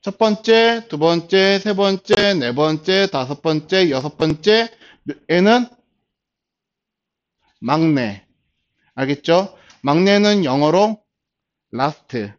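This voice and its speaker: Male instructor, 40s, slightly high voice, steady explainer, lo-fi classroom capture. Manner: starts phrases with a drawn-out filler, slow and patient. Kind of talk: classroom lecture. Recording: dull lo-fi lecture recording.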